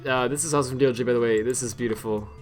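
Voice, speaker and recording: A male streamer talks loosely, rambling and poking fun at himself between bursts of laughter. His pitch sits in a middle range, and soft music plays underneath. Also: steady tone, very fast. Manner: rambling and self-deprecating, laughs often. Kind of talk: casual live-stream chat.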